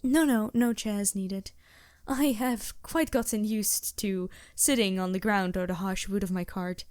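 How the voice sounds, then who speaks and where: A woman acts as a polite, anxious vampire disguised as a traveling merchant in a fantasy audio roleplay, addressing the listener with small stammers and courteous apologies. Her mid-range, slightly mellow voice keeps fairly even intonation at a measured pace, lightly acted, in a clean studio recording with no echo. She sounds grateful and polite.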